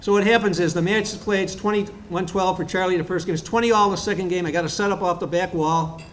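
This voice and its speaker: A man telling stories and jokes at a tribute roast, with quick asides to the crowd. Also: sits high, fairly even intonation, slight background noise. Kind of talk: stand-up style joke telling at a tribute. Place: bar event room.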